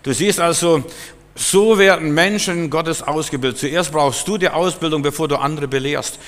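A man's voice: on the high side, normal speed, a bit bright. A man preaching a sermon emphatically, acting out Bible scenes in different voices. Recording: long hall reverb.

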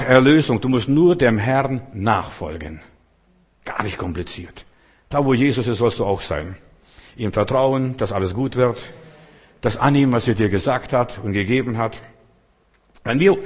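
Husky-voiced male preacher, emphatic, alternates booming and hushed delivery, long hall reverb. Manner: emphatic, swings between loud declarations and hushed lines; addresses listeners directly and intimately. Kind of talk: sermon.

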